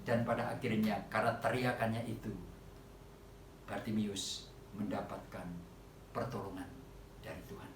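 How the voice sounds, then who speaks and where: A man preaching a sermon to a congregation at an online church service, often calling out to them and rising loud on quoted cries for help. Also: lowish voice, steady tone, moderate pace, long pauses, reverberant, distant mic, a little hiss or hum.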